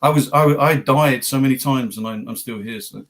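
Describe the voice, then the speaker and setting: West Virginia man, halting and earnest. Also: medium pitch. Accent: West Virginia Appalachian. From West Virginia, United States. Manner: halting, earnest, repeats words and phrases. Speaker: guest, patient advocate telling own story. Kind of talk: casual personal testimony.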